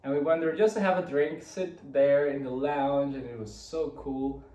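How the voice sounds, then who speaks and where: In a casual weekly recap, a young Costa Rican vlogger rambles chattily about his week with many restarts. His medium-pitched voice is warm and fairly even in intonation, at a moderate pace. It's recorded from a distance with a roomy sound.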